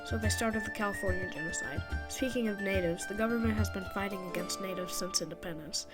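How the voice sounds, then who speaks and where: A woman's voice: medium pitch, quick pace. A woman narrating a history video in a casual scripted way, with jokey, sarcastic asides. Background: background music.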